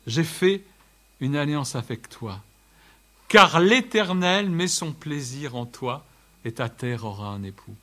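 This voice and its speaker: A man's voice: a little high, takes it slowly. A man preaching a sermon, joking with the congregation and at times crying out lines at full voice. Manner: lively, jokes with the audience, shouts some lines.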